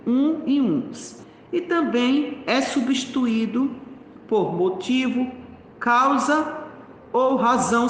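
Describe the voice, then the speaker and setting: Man, teacher, high voice, repeats himself patiently. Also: fairly bright tone, slight background noise. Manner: slow, explanatory, repeats points. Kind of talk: grammar lesson. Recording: echoey room, long reverb.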